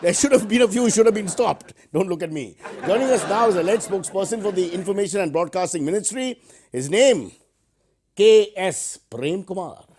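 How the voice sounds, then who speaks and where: A man's voice: high-pitched, lively intonation, fast, background noise. A man with an Indian accent hosting as a parody news anchor, mock-serious with sarcastic asides. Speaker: host of a news satire show.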